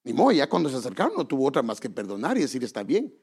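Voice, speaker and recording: A man's voice: medium pitch, wildly swooping pitch, racing, a little mellow, slightly rough. A man preaching a sermon, earnestly exhorting his congregation and asking them rhetorical questions.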